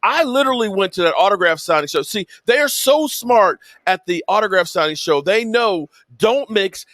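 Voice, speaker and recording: A man's voice: sits high, expressive, normal speed, a bit bright, no room sound. A man in his fifties, a guest on a casual stream, cursing and blustering and stammering through restarts. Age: 50s.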